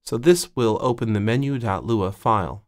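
Measured man narrating a coding tutorial. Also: fairly low pitch. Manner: measured, dictating code piece by piece. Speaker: tutorial instructor. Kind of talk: step-by-step screencast narration.

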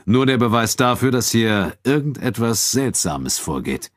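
A man reading an audiobook and voicing a calm, cold male town official who speaks in a measured, quietly firm manner. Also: mid-range voice, no room sound, studio quality, voice pushed up.

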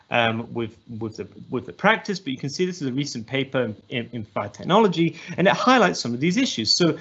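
Presenting academically to a webinar audience over a video call, a man in his thirties with an English accent speaks in a husky, mid-pitched voice. Thoughtful, he often restarts and fills pauses while working through his points, and the audio is slightly dull.

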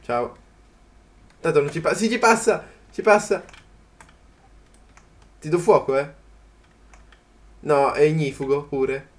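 A man giving casual commentary as he plays a video game, chatty and quick to yelp in surprise. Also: on the high side. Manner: chatty, jumps to startled yelps at the game. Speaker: gaming channel host. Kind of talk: let's play commentary.

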